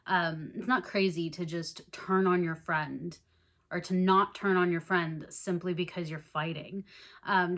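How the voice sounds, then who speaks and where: Chatty young woman with a low voice. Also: a bit bright. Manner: chatty, many ums and likes, amused. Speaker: book vlogger. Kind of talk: casual book discussion.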